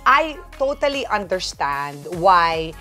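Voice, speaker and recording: A woman comedian in casual storytelling at her home, animated and acting out the voices she quotes. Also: on the low side, slow pace, soft background music. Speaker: guest comedian.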